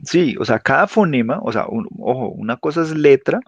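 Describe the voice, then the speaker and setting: A man teaching a class, explaining patiently and constantly checking understanding with quick tag questions. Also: mid-range voice, expressive, husky, dry recording. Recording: dull lo-fi dry sound.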